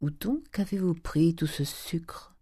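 A man's voice: on the high side, sing-song, a little slow, darkish tone, dry recording, exaggerated voice. A man voicing a curt, stingy old miser. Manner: curt, dry. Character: stingy, domineering old cooper.

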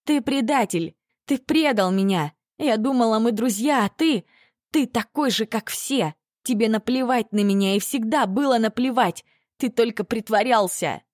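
A woman's voice: fairly high pitch, moderate pace, darkish tone, no room sound, studio quality, pitched above the performer's own voice, natural voice. A woman voicing a frightened, lonely young girl in an audiobook, speaking in a pleading, tearful way. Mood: furious, tearful. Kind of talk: audiobook character reading.

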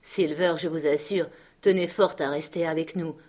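A woman with a somewhat low voice reads a classic adventure novel aloud. Her delivery is measured and expressive, the steady pace of an audiobook narrator.

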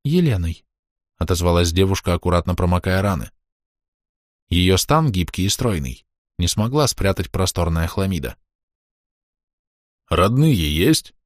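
Low-voiced man reading a dark tale. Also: moderate pace, no echo, studio quality. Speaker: audiobook narrator. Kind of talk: dramatic audiobook reading.

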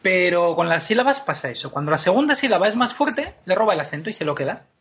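A man explaining pronunciation in a casual, animated way, drawing words out slowly to demonstrate them. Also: high-pitched, slightly rough. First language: Spanish. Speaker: guest explaining Elvish pronunciation. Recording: dull lo-fi podcast recording.

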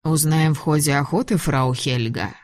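Female narrator doing a sinister officer, smooth, ironic, commanding, low dry voice. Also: moderate pace, darkish tone, no room sound, natural voice. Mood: cold mocking. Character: cold, mocking German officer, man, middle-aged.

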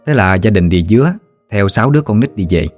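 A man's voice: lowish voice, expressive, fast, darkish tone, no echo, faint music behind. A man narrating a story steadily and expressively.

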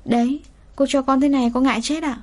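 A woman voicing a poor, gentle thirteen-year-old girl who talks politely and pleads through sobs. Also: high-pitched, steady tone, fast, voice pushed up, natural voice. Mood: shy polite. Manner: polite, pleading, sobbing cries.

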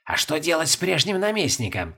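A scheming old woman, as a male narrator puts her on, talks in a dry, needling hush, her voice gravelly and husky. She sounds sly and sharp-tongued, lifting her pitch a little above the narrator's own. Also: very animated, brisk, full character voice. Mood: deferential. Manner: dry, needling, quietly triumphant. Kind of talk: audiobook character voice.

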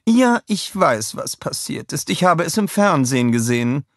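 A man voicing a sardonic, grumpy old queen in a storybook, with high, scornful lines. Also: sing-song, moderate pace, dry recording, clean studio sound.

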